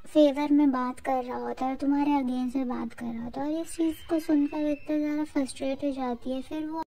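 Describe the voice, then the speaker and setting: A woman with a high, mellow voice retells a drama's plot scene by scene. She keeps it chatty and informal, slipping English words in as she goes. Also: steady tone, brisk, vocal fry. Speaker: drama recap narrator. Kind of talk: casual storytelling recap.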